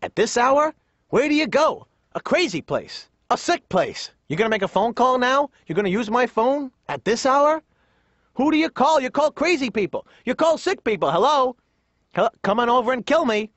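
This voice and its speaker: A man's voice: very high-pitched, big pitch swings, normal speed, fairly bright tone, dry recording, lo-fi sound, pitched above the performer's own voice, heavily acted. A man putting on his suspicious, grumbling older father, ranting in a whiny voice. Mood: indignant.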